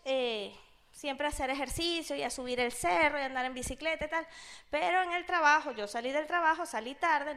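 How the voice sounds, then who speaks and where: A woman's voice: sits high, fairly bright tone. A woman in her thirties with a Venezuelan accent, telling a personal business story in a chatty way and acting out what people said. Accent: Venezuelan Spanish. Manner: chatty, acts out quotes, keeps asking "¿sabes?". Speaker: speaker sharing a business testimony. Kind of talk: animated storytelling to an audience.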